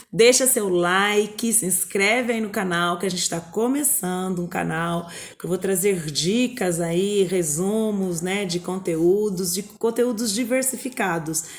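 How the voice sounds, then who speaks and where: A woman with a Brazilian Portuguese accent, a teacher explaining a lesson to her students on video, often checking in with short tag questions. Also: mid-range voice.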